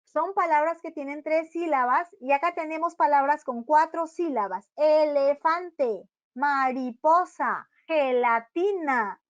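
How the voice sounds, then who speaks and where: A woman from Peru leads an instructional webinar for parents of small children. Her voice sits high, and she explains patiently, slowing down to sound out words syllable by syllable. The audio is dull and lo-fi. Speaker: early-childhood education presenter.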